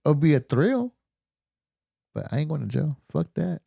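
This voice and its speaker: A man's voice: on the high side, big pitch swings, normal speed, creaky, dark tone, no echo. A man hosting a podcast in casual, rambling chat, swearing now and then. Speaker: podcast host.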